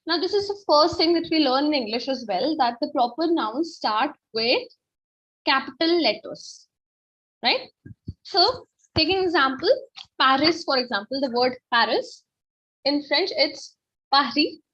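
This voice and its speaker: A woman's voice: high voice, animated, moderate pace, a bit bright. A woman teaching French on an online webinar, explaining step by step and often checking "okay?". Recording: dull, lo-fi webinar audio.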